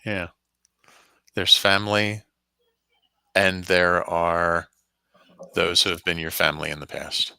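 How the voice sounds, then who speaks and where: A man giving a calm, reflective intuitive reading in easy conversation, laughing now and then. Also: low voice, slow, gravelly, long pauses, smooth, dry recording, rough recording. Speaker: spiritual reader guest.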